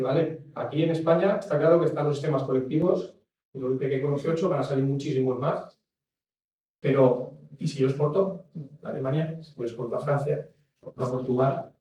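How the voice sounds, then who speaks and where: A man's voice: medium pitch, dark tone. A man giving a rambling talk as an industry expert, restarting and adding asides. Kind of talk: talk on packaging regulation. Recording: echoey room from far off mic.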